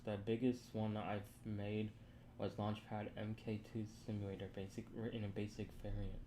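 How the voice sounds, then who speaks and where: Young man, low voice, halting casual stream chatter, faint keyboard clatter behind. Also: slight background noise. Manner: rambling, halting, thinking aloud. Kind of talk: live coding stream chat. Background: keyboard typing.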